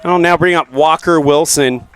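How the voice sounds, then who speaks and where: A man calling a baseball game for local radio from outdoors beside a tent. He counts balls and strikes in an even, practiced rhythm. On big hits his voice climbs and gets louder. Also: normal speed, clear, resonant tone. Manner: calls pitches steadily, rising to excited bursts on big hits. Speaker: play-by-play announcer.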